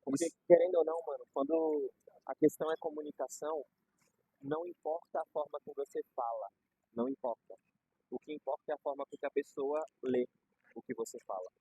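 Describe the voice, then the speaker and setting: A man's voice: on the high side, animated, fairly quick, vocal fry, mellow, husky, dry recording. A young man with a Brazilian Portuguese accent, chatting casually and explaining ideas with everyday examples and slang. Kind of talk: casual conversation. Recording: dull lo-fi recording.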